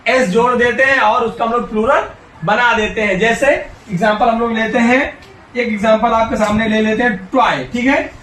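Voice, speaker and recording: High-voiced male teacher drilling in an echoey room. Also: steady tone, moderate pace, a bit bright, distant mic, slight background noise. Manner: drills students by asking and answering his own questions; coaxing and encouraging, addresses children directly. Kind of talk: classroom-style English grammar lesson.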